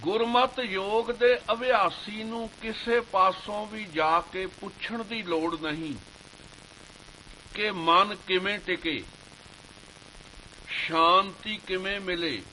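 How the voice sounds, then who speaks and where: A man preaches slowly and deliberately, his higher voice bright and clear. He recites scripture verses in a measured, chanting cadence. A faint hum sits under the recording. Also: steady tone, low-quality recording. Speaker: Sikh preacher. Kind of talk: slow devotional sermon with scripture recitation.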